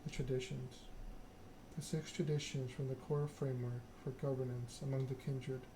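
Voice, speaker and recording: Soft-spoken reading and chat come from a male ASMR streamer who hosts game streams. His tone is flat and mid-pitched, and he talks in a careful, halting way. Background noise from the surroundings is clearly present.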